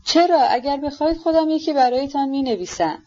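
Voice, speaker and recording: A woman voicing a gentle young prince who explains things seriously, clearly and precisely, on a dull lo-fi recording. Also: sits high, pitched above the performer's own voice, lightly acted. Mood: earnest. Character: gentle, earnest young prince, meek man.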